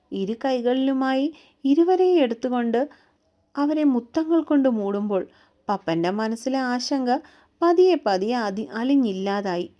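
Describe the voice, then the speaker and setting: A woman narrating a romantic story in a calm, unhurried way. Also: on the high side, muffled recording. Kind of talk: scripted narration.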